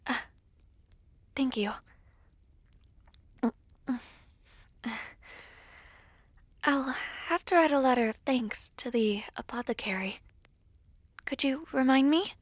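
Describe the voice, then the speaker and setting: A woman voices a gentle young princess, speaking unhurriedly in a high, breathy voice with lively intonation. Shy and weary, she sounds modest and hesitant, soft-spoken, using polite and formal words. It's an audio-roleplay recording, very dry and close with no room sound.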